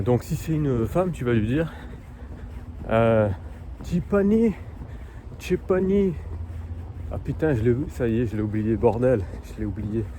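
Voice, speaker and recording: A man talking casually to the camera while walking outdoors in a park, hesitant and full of fillers, slowly sounding out foreign words. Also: medium pitch, warm tone, a little hiss or hum. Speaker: vlogger learning Polish. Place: outdoor park in cold weather.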